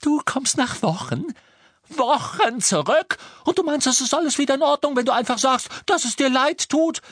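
A man voicing a furious, shrill young witch who shrieks sharp, sarcastic accusations. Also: wildly swooping pitch, normal speed, husky, no room sound, studio quality, heavily acted.

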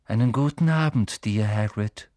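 A brooding, dreamy centaur, as a male reader puts him on, sighing and slow, with a lowered, somber voice. He gives solemn, evasive answers in an audiobook reading. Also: animated, warm tone, dry recording, clean studio sound. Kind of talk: audiobook character voice.

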